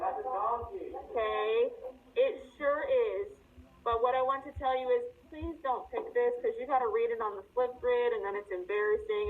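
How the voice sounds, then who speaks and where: Woman, teacher, online class, emphatic, repeats herself, higher voice, tinny call audio. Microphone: video call audio.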